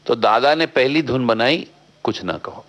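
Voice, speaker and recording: A man, a filmmaker guest, telling a long anecdote in a radio interview, outspoken and animated, slipping English phrases into his talk. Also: medium pitch, a little slow. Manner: animated storyteller, mixes English phrases into Hindi; talkative and outspoken.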